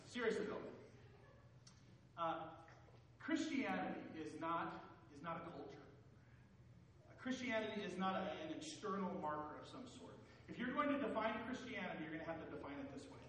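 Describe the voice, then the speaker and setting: Pastor, male, higher pitch, earnest sermon with restarts, big hall echo. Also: fairly bright tone, slight background noise. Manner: joking then earnest, many restarts and fillers. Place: church sanctuary. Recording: echoey hall, mic from a distance.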